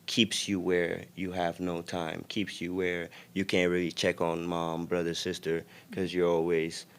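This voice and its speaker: A young man from Senegal with a Senegalese accent, a guest in a casual interview, talking in a relaxed, reflective way with many fillers. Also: low voice, a little slow, smooth. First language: Wolof. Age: young adult.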